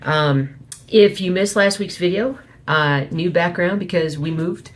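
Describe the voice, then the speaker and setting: A woman speaking quietly at night in a casual, rambling, self-correcting chat, hosting an informal video update. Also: on the low side, unhurried. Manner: speaking quietly at night so as not to wake someone. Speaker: host of a weekly cross stitch video update. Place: small home office.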